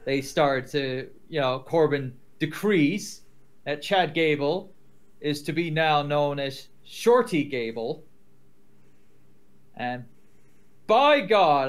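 Exasperated ranting podcast co-host man. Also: on the high side. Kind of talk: casual chat.

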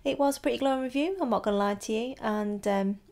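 A woman's voice: a little high, fast talker, creaky, darkish tone. A woman hosting a podcast, chatting informally and casually. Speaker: podcast host.

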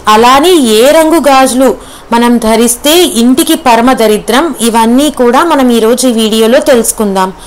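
Brief: female vlog host, scripted intro, urgent warning delivery, high voice. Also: rough recording.

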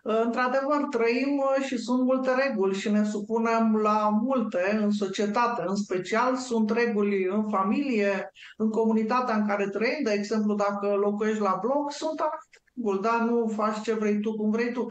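A woman on a talk show, calmly explaining her ideas step by step like a lecturer. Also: fairly high pitch, reverberant.

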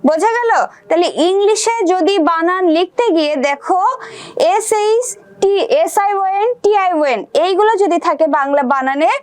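A woman's voice: very high-pitched, brisk. A woman teaches an exam-prep lesson. She explains each point step by step and keeps asking whether her students follow.

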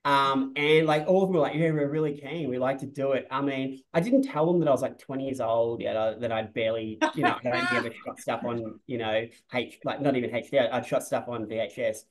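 A man's voice: medium pitch, steady tone, fairly quick, hardly any pauses, poor audio. A man, a film director talking over a webcam in a loose, rambling way, full of restarts and "like.". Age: 40s. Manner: rambling, restarts often, says "like" a lot. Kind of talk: casual interview on a video call. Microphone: video call webcam.

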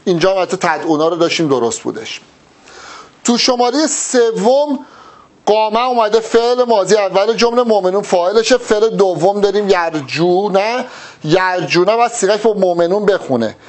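A man's voice: sits high, animated. A man giving an exam-prep grammar lesson, explaining step by step and asking rhetorical questions that he answers himself. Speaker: teacher.

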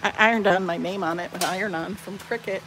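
Talking fast in a lowish, fairly bright voice with a steady tone, a woman chats informally on a walkthrough of a small house's rooms, then the porch and driveway. The tour is captured by someone holding a phone behind the camera, giving a noisy, on-the-move recording.

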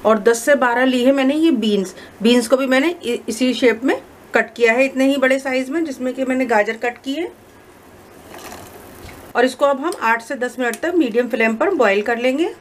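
Calm woman talking through a recipe. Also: sits high, a little hiss or hum. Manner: calm, instructive, measured. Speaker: cooking channel host. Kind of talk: step-by-step recipe voice-over. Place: home kitchen.

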